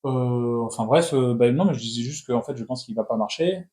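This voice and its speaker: A man's voice: medium pitch, mellow. A man in his thirties hosting a casual film critique, talking in opinionated bursts full of restarts. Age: 30s. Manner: opinionated, talks in quick restless bursts with many restarts. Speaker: film review host.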